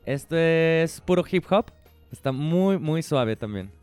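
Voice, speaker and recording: A man's voice: fairly high pitch, animated, slow pace, a little mellow, clean tone, faint music behind. A man with a Mexican Spanish accent, co-hosting a podcast in casual, slangy chat and laughing often. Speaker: podcast co-host.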